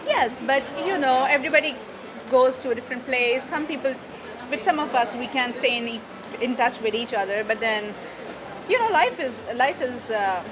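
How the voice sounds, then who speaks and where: A woman's voice: sits high, lively intonation, moderate pace, crowd noise. Articulate woman guest in a noisy recording. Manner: articulate, laughs often. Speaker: interview guest, digital nomad. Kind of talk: casual conversation.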